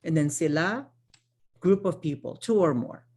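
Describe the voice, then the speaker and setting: A woman from the Philippines, a Tagalog-speaking social worker, runs an online workshop conversationally, often asking "right?" and restarting phrases. Her low, darkish voice has a breathy edge and lively intonation at normal speed.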